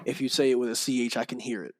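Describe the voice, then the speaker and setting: A young man on a podcast, speaking very fast in a mid-range voice, recounts stories casually. He laughs a lot, stays animated, and acts out people's words.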